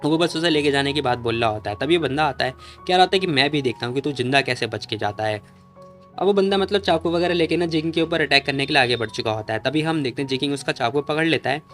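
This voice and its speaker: A man's voice: a little high, fast, a bit bright, soft background music. A man narrating a story recap in a casual, chatty way full of fillers.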